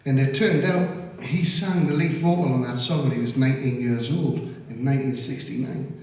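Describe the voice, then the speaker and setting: Between numbers at a live music venue, a Geordie singer-songwriter from North East England rambles through sweary anecdotes. His mid-range voice is a little mellow and moves at a moderate pace, captured by a distant mic in an echoey hall.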